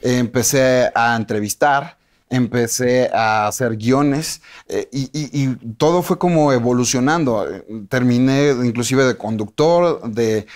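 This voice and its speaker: Un hombre con acento mexicano que cuenta su carrera en una entrevista, con muchas pausas y reinicios. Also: male voice, medium pitch. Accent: Mexican Spanish. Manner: rambling, many restarts and fillers. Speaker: interview guest, TV personality. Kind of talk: casual interview chat.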